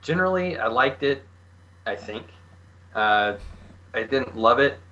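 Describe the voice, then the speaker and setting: A man's voice: mid-range voice, expressive, measured pace, bright, forceful tone, muffled recording. A man guesting on a podcast as a movie reviewer, giving laid-back, hedging opinions. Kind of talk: casual podcast chat.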